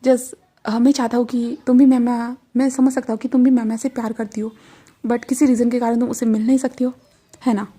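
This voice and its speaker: A woman's voice: a little high, level tone, a little fast, mellow, husky. A woman voicing an anxious, caring young man who talks in an earnest, reassuring way.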